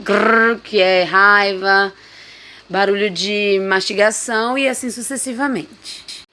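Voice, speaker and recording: A woman's voice: medium pitch, fairly bright tone. A woman teacher explaining a lesson, reading out examples and often checking with the listener. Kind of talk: explaining figures of speech in a lesson.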